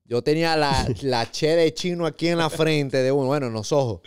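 A man's voice: fairly high pitch, a little fast, clear, resonant tone, no room sound, clean studio sound. A man, a podcast guest chatting casually and jokingly, often slipping into imitations of street slang. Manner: playful, jokey, slips into imitations of street slang. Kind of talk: casual chat.

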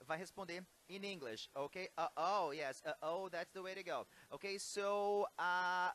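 A man's voice: sits high, steady tone, unhurried, a bit bright. A man, hosting in an upbeat, playful way. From Brazil. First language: Portuguese. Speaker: host. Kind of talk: casual video chat. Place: hotel room.

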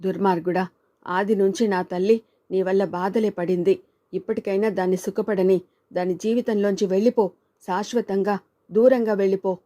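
A woman's voice: medium pitch, fairly even intonation, moderate pace, warm tone, lightly acted. A woman voicing an angry older father figure in a storybook reading, mocking and contemptuous.

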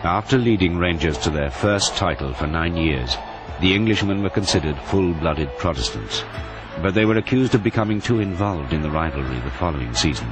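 A very deep-voiced man narrates a documentary in a measured, even way. Clear music plays beneath his voice-over. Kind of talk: scripted narration.

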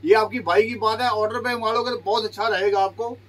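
High-voiced man with jokey sales patter. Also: steady tone, quick pace, a bit bright, recorded from a distance. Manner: jokey patter with food sayings, urging buyers to come. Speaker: shop seller. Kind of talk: sales pitch. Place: small clothing shop, sitting on floor.

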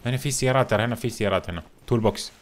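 A man hosting a gameplay video, commenting in an animated, jokey way and exclaiming often. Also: medium pitch, racing, very noisy. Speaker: gaming video host.

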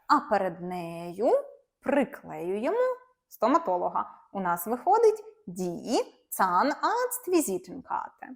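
A young woman teaching German grammar to viewers, explaining step by step with playful asides. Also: mid-range voice.

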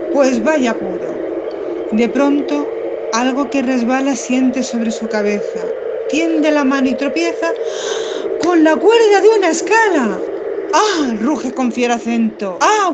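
A woman's voice: high voice, very noisy. A woman storyteller reciting a comic verse tale with a playful, rhythmic delivery. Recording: music playing behind the voice.

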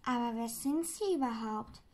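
A woman voicing a mild-mannered grown man, gentle and often puzzled, while reading a children's book aloud. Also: a little high, lively intonation, moderate pace, natural voice.

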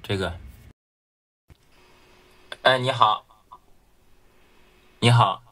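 A man's voice: mid-range voice, very slow, sharp tone. A man hosting a livestream, talking with callers in a casual, exasperated way and repeating his thanks to donors. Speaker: livestream host taking callers. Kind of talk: casual live-stream chat.

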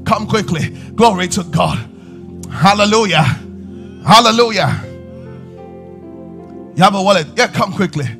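A man preaching a sermon on a church stage, asking the crowd questions and rising to shouts as he moves about. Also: sits high, expressive, a little slow, creaky, long pauses, faint music behind. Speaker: pastor. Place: large church stage with audience.

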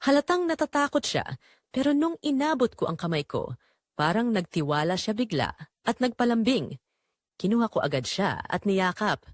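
A Filipino-accented female narrator tells a scripted love story in the first person as a tender young call center agent, sounding heartfelt and wistful. She has a medium pitch and a sing-song lilt, speaking at normal speed. The studio-quality audio has no room sound.

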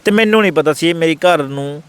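A man rushes through his story as an interview guest, quoting everyone he talks about in earnest. His voice sits a little high and sounds clear and smooth, with words tumbling out quickly. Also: a bit bright. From Punjab. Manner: rapid, earnest telling that acts out the others' words in quotes. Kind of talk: casual first-person storytelling.

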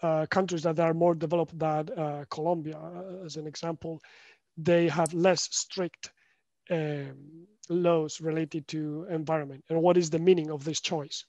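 A man's voice: a little high, flat delivery, measured pace, a little mellow, no echo. A young man hosting a video call interview, asking questions hesitantly with many fillers. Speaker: podcast host. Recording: dull dry call audio.

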